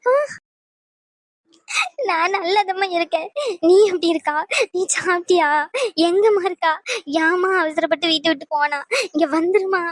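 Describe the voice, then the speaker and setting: Woman voicing a high emotional cartoon mother. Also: fairly even intonation, quick pace, a bit bright, no echo, clean studio sound. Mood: pleading. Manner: pleading, emotional, defiant. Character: emotional young mother Reshma, defiant and tearful. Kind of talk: cartoon voice acting.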